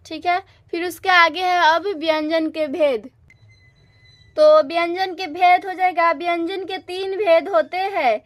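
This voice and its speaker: A woman teaches a grammar lesson. Her voice sits very high, and she explains patiently, restating each definition and example more than once. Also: steady tone, unhurried, fairly bright tone.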